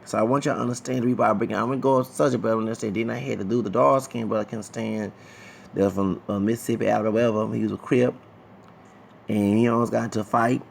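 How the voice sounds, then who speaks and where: A man's voice: on the low side, steady tone, quick pace, gravelly, slight background noise. A man, talking to his viewers in a loose, digressive vlog commentary that often repeats itself. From Texas, USA. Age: 30s. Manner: digressive, repeats himself, talks to viewers directly. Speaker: vlogger. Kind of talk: casual rambling commentary.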